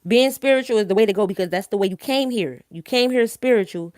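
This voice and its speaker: She talks fast in a mid-range, darkish voice, captured dry with clean studio sound. Hosting a live stream in a thick Philadelphia accent, she offers viewers blunt, emphatic, slangy opinions and swears freely. Tag questions recur as she checks they're following.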